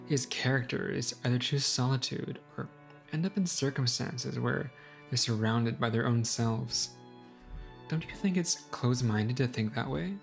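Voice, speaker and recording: Gravelly woman reading a visual novel. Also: a bass voice, a little slow, soft background music. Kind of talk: visual novel read-aloud narration.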